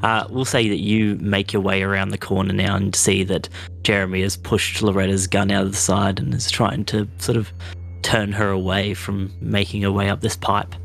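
A man acting as game master, narrating a tabletop role-playing game in a calm, measured way. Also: lowish voice, vocal fry.

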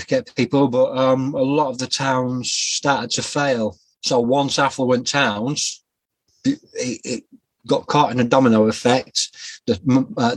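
A man, a guest telling his life story in a podcast interview, reflective and halting with restarts. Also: medium pitch, no echo. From Yorkshire, England. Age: 40s. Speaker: guest author.

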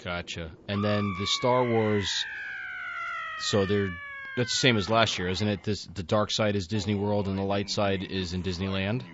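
Low-voiced man on dull lo-fi audio. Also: fairly even intonation, moderate pace. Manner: short encouraging replies, laughs easily. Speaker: podcast host. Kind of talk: casual chat. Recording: dull lo-fi audio with crowd noise.

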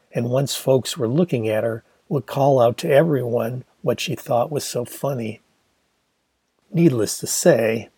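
A man in his sixties from Michigan, USA, reads his own memoir aloud as audiobook narration, in a wry, conversational storytelling manner. His voice is medium-pitched and dark with a breathy edge, and there's no room sound.

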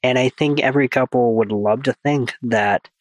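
A man co-hosting a film podcast, chatting casually and animatedly, his pitch jumping up for emphasis. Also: moderate pace, no echo. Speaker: podcast co-host.

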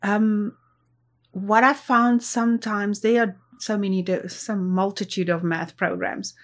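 A woman who is an associate professor appears as a guest in an interview, explaining things and thinking aloud with restarts. Her first language is Afrikaans, and she speaks at a measured pace with a medium pitch and fairly even intonation.

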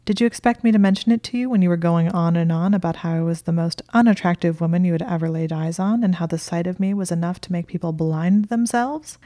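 A woman voicing a prim, sharp-tongued young witch who answers in dry, clipped retorts. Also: fairly low pitch, quick pace, few pauses, no room sound, natural voice.

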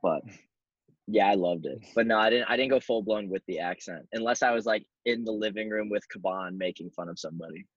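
Jokey guy with a husky voice. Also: lowish voice, a little fast, dry recording. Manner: jokey, laughs a lot, slangy. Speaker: guest, former soccer player. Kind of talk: casual podcast chat. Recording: dull lo-fi recording.

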